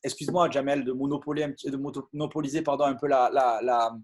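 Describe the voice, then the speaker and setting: A man's voice: medium pitch, level tone, fast, a little mellow, slightly rough. A man giving an earnest motivational talk on a video call, with many fillers and restarts. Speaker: business opportunity speaker.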